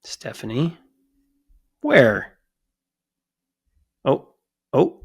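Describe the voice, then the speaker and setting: A man's voice: medium pitch, huge pitch swings, drawn-out words, creaky, breathy edge. A man co-hosting a podcast in casual chat, blunt and swearing freely, often cutting in over his co-host.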